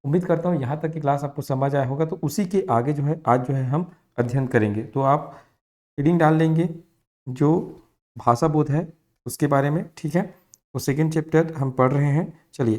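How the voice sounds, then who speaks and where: A young man teaching an exam-prep grammar class, his voice a touch high but dark and mellow in tone. He breaks key definitions into single words and repeats them. He keeps checking in with the class as he goes. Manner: repetitive, drills key phrases word by word.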